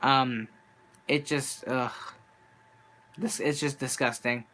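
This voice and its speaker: A man's voice: mid-range voice, fairly even intonation, takes it slowly, pushed and bright. Frustrated young man venting on stream. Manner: frustrated, rambling, restarts often. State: losing his voice. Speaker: sports fan streamer. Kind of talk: venting live-stream monologue. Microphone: handheld camera.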